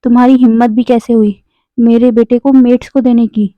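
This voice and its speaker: A woman's voice: on the high side, flat delivery, moderate pace, dry recording, lightly acted. A woman voicing an irritable young father who snaps curt, dismissive orders in a storybook retelling. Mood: irritated. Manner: curt, snapping. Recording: dry, phone-like narrow sound.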